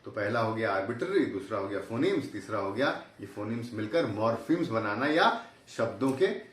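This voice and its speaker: A man's voice: lowish voice, animated, moderate pace, recorded from a distance. Man lecturing step by step in an echoey room. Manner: explains step by step with examples, mixing in English terms. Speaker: teacher. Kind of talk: lecture explaining linguistics. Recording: roomy echo, voice from off-mic.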